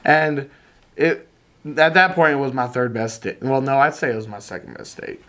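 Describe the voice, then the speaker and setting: A teenage boy co-hosting a student podcast in casual chat, rambling and jokey, with sudden jumps in pitch. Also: moderate pace, bright, forceful tone. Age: late teens.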